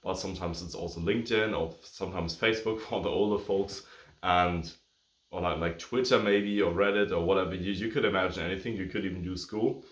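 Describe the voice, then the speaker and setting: Breathless man, German native speaker, with a deep voice, casual advice vlog, loose and rambling delivery, roomy echo. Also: steady tone, fairly quick. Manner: rambling, lots of "like" and self-corrections. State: a bit out of breath. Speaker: agency coach. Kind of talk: casual talking-head advice video.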